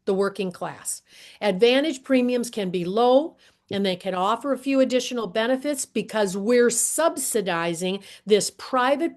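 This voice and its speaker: Hoarse older woman giving a talk. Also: mid-range voice, a little mellow. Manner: earnest, clears her throat often, walks through slides. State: hoarse, losing her voice. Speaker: guest speaker, healthcare advocate. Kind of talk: presentation talk.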